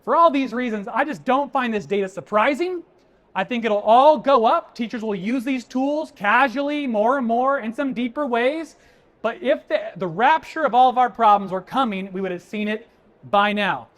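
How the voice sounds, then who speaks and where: A man's voice: very high-pitched, moderate pace, a bit bright. Emphatic man giving a conference talk. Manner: punchy, conversational, addresses the audience as folks. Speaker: conference keynote speaker. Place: conference stage before an audience.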